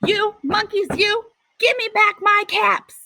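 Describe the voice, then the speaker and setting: A woman's voice: extremely high pitch, animated, a little slow, bright, forceful tone, pitched above the performer's own voice, exaggerated voice. A woman voicing an angry male cap peddler who scolds and demands his caps back. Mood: furious. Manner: scolding, shaking finger, demanding.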